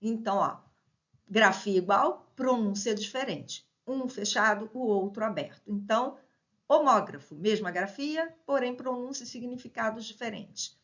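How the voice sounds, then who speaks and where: A woman teacher walks through a grammar lesson in a somewhat high voice. She leans hard on each example word and keeps checking in with short tag questions. The recording sounds a little dull and lo-fi. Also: animated, moderate pace. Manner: explains with many tag questions like "né?" and "certo?"; stresses example words with sudden loud emphasis.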